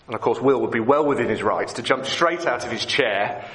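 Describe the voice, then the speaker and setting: A man's voice: mid-range voice, a little fast, a bit bright. A man preaching an evening sermon in a conversational way, often asking the congregation questions.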